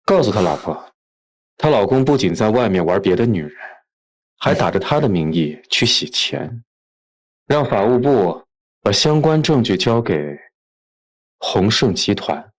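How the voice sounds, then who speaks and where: An actor playing a ruthless young tycoon who speaks calmly and coldly, with quiet menace. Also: male voice, fairly low pitch, measured pace, low-quality recording. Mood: menacing. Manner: calm, cold and menacing.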